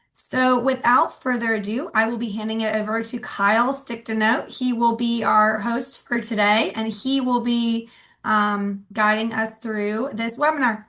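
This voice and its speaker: An association director opens a webinar with housekeeping announcements, her woman's voice on the high side with a fairly bright tone. She sounds friendly and says "um" a lot.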